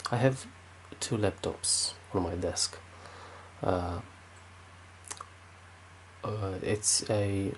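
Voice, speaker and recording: A deep-voiced man with a Romanian accent, a tech video maker, demonstrates something at his desk, speaking off the cuff with plenty of fillers and restarts. The recording is rough, with a bit of hiss or hum.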